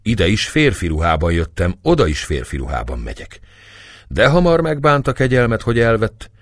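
A man's voice: fairly low pitch, huge pitch swings, no echo, pitched above the performer's own voice. A man voicing a playful, spirited young noblewoman, a new bride, in a dry audiobook recording. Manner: eager, playful, defiant.

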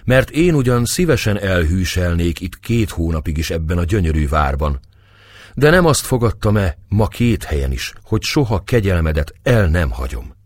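A man's voice: deep voice, sing-song, dry recording. Spirited young bride, eager and playful, read by a man, dry close sound.

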